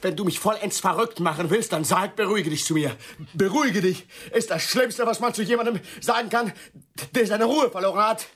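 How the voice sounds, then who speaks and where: A woman's voice: medium pitch, a little fast, breathy edge, close to an everyday voice. An actress playing an overwrought, self-pitying woman who sees herself as the clown among her friends, ranting theatrically in a radio drama. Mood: bitter.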